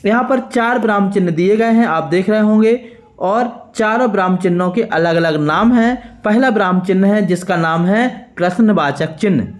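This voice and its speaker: Male schoolteacher, Madhya Pradesh accent, high voice, patient dictation. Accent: Madhya Pradesh Hindi. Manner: slow, clear dictation of words one by one. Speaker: teacher. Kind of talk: worksheet lesson for school pupils.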